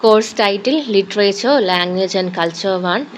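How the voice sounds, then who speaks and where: A woman's voice: mid-range voice, extremely slow, slight background noise, rough recording. A woman with a Malayali accent reading out a course syllabus as a list of topics, in short phrases that switch between English and Malayalam. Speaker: teacher going through a syllabus.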